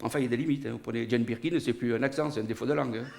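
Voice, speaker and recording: A man with a Niçois southern French accent telling a comic monologue, animated and rising to loud outbursts. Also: medium pitch, rapid-fire, vocal fry, background noise. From Nice, southern France. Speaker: stand-up comedian. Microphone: studio recording.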